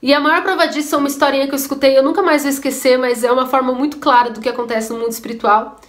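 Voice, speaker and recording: A woman's voice: high voice, fairly even intonation, racing. A woman telling a story and preaching earnestly in a devotional video. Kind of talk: devotional sermon-style storytelling.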